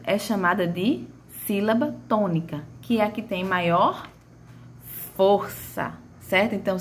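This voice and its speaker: A woman's voice: mid-range voice, a bit bright, slight background noise. A woman teaching a grammar lesson, stretching out and calling out example words as she explains.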